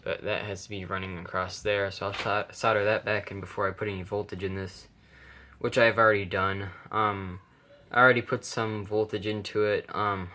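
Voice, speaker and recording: A hobbyist vlogger with a lowish, sharp-toned voice gives a casual, unscripted hands-on walkthrough. He's hesitant and rambling, often correcting himself. The clip sounds like a noisy handheld camera recording, with clicks audible.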